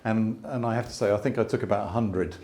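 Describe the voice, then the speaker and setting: Talking fast in a lowish, mellow voice, a landscape photographer in his sixties addresses an audience at an exhibition. The talk is conversational and thoughtful, peppered with restarts and asides.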